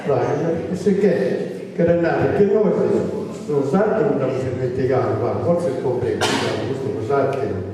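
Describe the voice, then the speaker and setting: A man with a Sardinian accent speaking off the cuff at a conference, halting and often repeating words as he restarts. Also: medium pitch, a crowd in the background. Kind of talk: unscripted talk at a conference. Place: conference hall. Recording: distant mic in an echoey hall.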